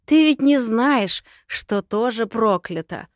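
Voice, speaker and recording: A woman voicing a scheming, cruel witch who taunts in drawn-out, sing-song phrases. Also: mid-range voice, no room sound, clean studio sound, natural voice. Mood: mocking. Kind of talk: audiobook character voice.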